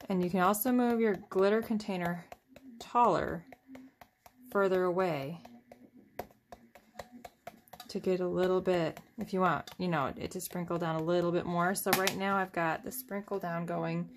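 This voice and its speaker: This woman, in her thirties, has a lowish, steady voice at normal speed, with a little hiss or hum in the recording. She hosts a chatty, meandering craft tutorial from home, demonstrating each step and teasing herself often.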